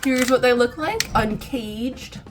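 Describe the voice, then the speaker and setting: A woman's voice: a little high, takes it slowly, music in the background. A woman hosting a casual cooking vlog, teasing and giggling a lot. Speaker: vlog host.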